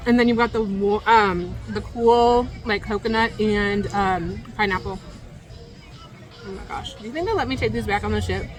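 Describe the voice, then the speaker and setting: Casual woman travel vlogger, higher register, food review chatter outdoors with faint music. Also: a bit bright. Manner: chatty, talks while eating, laughs often. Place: outdoors at a cruise line's island stop.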